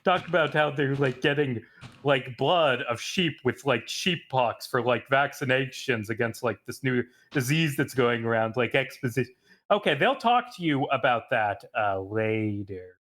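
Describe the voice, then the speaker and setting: A man's voice: mid-range voice, lively intonation, measured pace, fairly bright tone. Filler-heavy male game master. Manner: loose, filler-heavy narration with frequent "like" and "uh". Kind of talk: running a tabletop game session.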